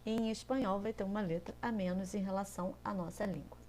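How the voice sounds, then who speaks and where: A woman's voice: mid-range voice, fairly even intonation, fast talker, mellow, a little hiss or hum. A Brazilian woman teaching Spanish in a recorded video lesson, explaining patiently step by step and often checking in with her students. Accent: Brazilian Portuguese.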